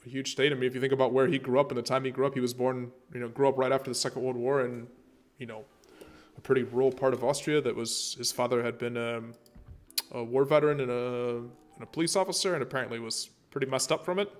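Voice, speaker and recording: Streaming a naval warship game, a man chats casually and rambles, full of fillers and restarts, as he gives relaxed gameplay commentary. His medium-pitched voice keeps a fairly even intonation and moves at a quick pace.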